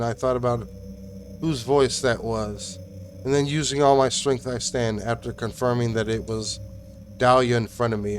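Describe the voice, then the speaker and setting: Young guy reading a game story out loud, mid pitch, kinda halting. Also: a little hiss or hum. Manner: halting, uneven reading with restarts. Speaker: gamer reading a game aloud. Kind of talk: reading a visual novel aloud.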